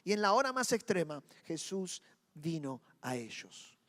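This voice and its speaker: Rioplatense pastor preaching in a reverberant hall. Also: male voice, sits high, big pitch swings, measured pace. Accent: Rioplatense Spanish. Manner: dramatic, acts out inner voices and swings between soft and loud. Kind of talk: sermon.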